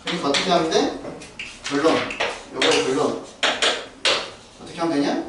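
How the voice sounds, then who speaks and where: A man's voice: a little high, moderate pace. A man teaching a math lesson, questioning and coaxing his students. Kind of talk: classroom lesson. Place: classroom. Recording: far-off echoey noisy classroom.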